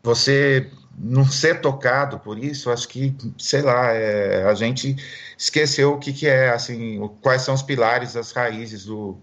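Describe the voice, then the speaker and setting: A man's voice: medium pitch, unhurried, a bit bright, muffled recording. A man co-hosting a casual talk show, speaking reflectively and hesitantly with many fillers. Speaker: podcast co-host. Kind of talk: casual conversation.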